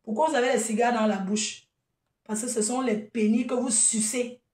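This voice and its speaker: A woman's voice: on the high side, fairly even intonation, normal speed, a little mellow, distant mic. A woman, an event promoter ranting in a live video, combative and mocking, breaking into laughter. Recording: echoey room, voice off-mic.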